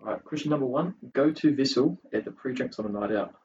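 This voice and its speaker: A podcast host with a New Zealand accent conducts a casual interview, his phrasing slangy and hesitant. His mid-range, darkish voice is animated and fast, captured by a dull, distant mic with faint noise.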